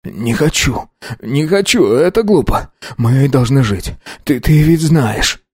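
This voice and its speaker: A man's voice: medium pitch, expressive, moderate pace, slightly rough. A man voicing a dying young man who mutters and stammers in panic. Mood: pleading.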